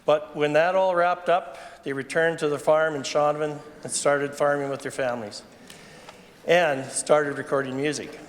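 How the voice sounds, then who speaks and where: A Canadian legislator, a man with a fairly high voice, reads a formal statement and trips over words now and then. The chamber around him has long reverb. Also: steady tone, normal speed. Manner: stumbles over his reading. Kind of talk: formal prepared parliamentary statement. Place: large indoor legislative chamber. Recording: reverberant chamber with faint noise.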